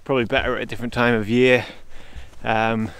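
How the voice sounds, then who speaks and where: An English landscape photographer narrates his vlog outdoors in the winter Scottish highlands, thinking aloud in a casual, reflective way with fillers. His mid-range voice is clear, resonant, and fairly bright, delivered flatly at a brisk pace.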